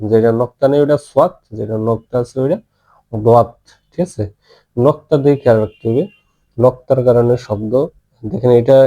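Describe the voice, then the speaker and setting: Male Quran reading teacher, mellow low-key voice, slow drilled syllables, patient check-ins. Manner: patient, drawn-out syllables, asks "ঠিক আছে?" often. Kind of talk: slow letter-by-letter recitation lesson.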